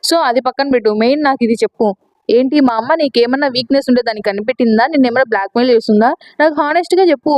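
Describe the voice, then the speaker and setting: A woman with a Telugu accent narrating a comic recap in a quick, chatty way, mixing in English words and retelling the characters' lines in her own voice. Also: a little high, darkish tone, no room sound, low-quality recording. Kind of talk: casual spoken recap narration.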